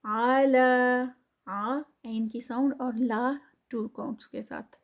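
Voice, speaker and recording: Patient woman teaching Quran recitation, higher voice. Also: fairly even intonation. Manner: patient, explains each letter slowly and step by step. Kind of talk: tajweed lesson, explaining then reciting.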